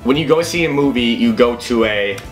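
A man's voice: medium pitch, expressive, moderate pace, roomy sound, faint music behind. A playful young man with a Minnesotan accent, teasing and bantering casually as he hosts a pronunciation challenge. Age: young adult. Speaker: host. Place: small indoor room, wood-panelled.

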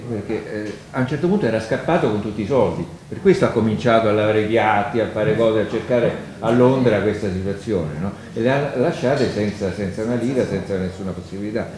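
Male host, mid-pitched, chiming in with backstory; echoey hall, faint hiss. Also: darkish tone. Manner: interjecting, filling in the backstory. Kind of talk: interviewing on stage.

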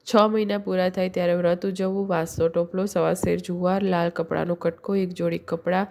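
A woman's voice: fairly low pitch, a little fast, gravelly. Woman steadily reciting a devotional tale. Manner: steady recitation with small slips and restarts. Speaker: storyteller. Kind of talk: devotional story reading.

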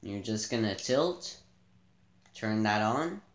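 A man giving a casual gameplay tutorial, relaxed and thinking aloud as he plays in a dim room, filmed by a camera pointed at the TV. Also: lowish voice, slow, echoey room. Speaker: gaming channel host.

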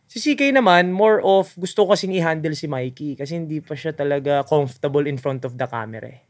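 A man in his thirties, a content creator, telling stories in a casual podcast chat, animated and mixing in English with "bro". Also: on the high side, a little fast. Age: 30s. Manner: animated storyteller, mixes English into Tagalog, says "bro".

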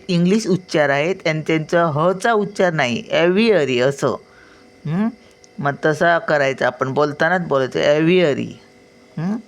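An older woman teaching a spelling lesson, sounding words out syllable by syllable and explaining patiently as she checks that the listener follows. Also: low-pitched.

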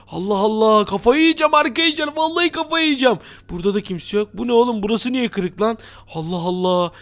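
A man hosting a gaming channel, narrating a Minecraft role-play excitably and talking to his viewers. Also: very high-pitched. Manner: excitable, jumpy, talks to viewers.

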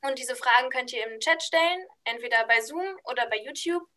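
A woman's voice: sits high, a little fast, sharp tone. A young woman moderating an online talk on a video call, friendly and easygoing. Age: young adult. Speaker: host, moderator. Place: room at home. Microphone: video call webcam.

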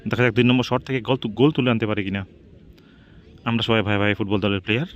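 A man's voice: fairly low pitch, steady tone, rapid-fire, muffled recording, slight background noise. A man giving live football match commentary, repeating team names and phrases as he follows each shot. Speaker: football commentator and channel host.

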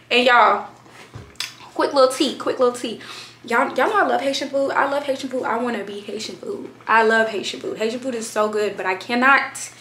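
A young woman chatting to her camera at home in a slangy, expressive way. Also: fairly high pitch. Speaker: vlogger. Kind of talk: casual chat to camera. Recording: roomy echo.

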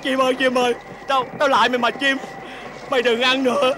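An actor playing a lazy, greedy farmer husband who whines and complains. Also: male voice, very high voice, flat delivery, a little fast. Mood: pleading. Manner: whiny, grumbling and complaining. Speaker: greedy farmer husband in a folk-tale film. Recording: noisy old film soundtrack.

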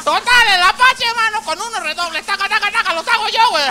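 A man's voice: extremely high pitch, a little fast. A man playing a corny, chummy male stand-up comic with a Mexican accent, slangy and tagging lines with "ma" in a TV sketch. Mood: corny joking. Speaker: comedian character. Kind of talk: TV sketch comedy. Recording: TV studio with music.

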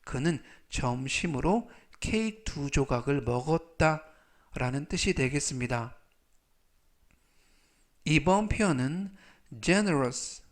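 A man teaches English vocabulary in a steady, scripted lesson. His voice sits a little high for a man. He speaks very slowly, drawing out each English word and repeating it before he explains it. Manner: reads English words slowly and repeats them, then glosses each in Korean.

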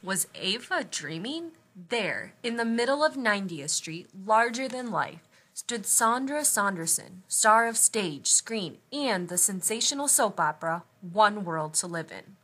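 A woman reading a picture book aloud in an expressive, lively storytelling manner. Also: medium pitch, a little slow, hardly any pauses, breathy edge. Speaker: storybook reader.

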